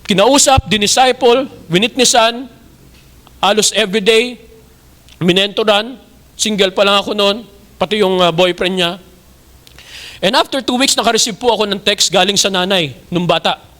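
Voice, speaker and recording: A man's voice: sits high, moderate pace, long pauses, fairly bright tone. A young adult male pastor with a Filipino accent, preaching a sermon in rising, emphatic bursts.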